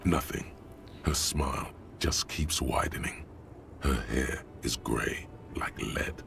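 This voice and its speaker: Very deep, gravelly solemn narrator. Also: male voice, slow pace, fairly bright tone, slight background noise, exaggerated voice. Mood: poetic, grave. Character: omniscient inner-voice narrator, solemn, erudite, darkly poetic man. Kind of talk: literary game narration.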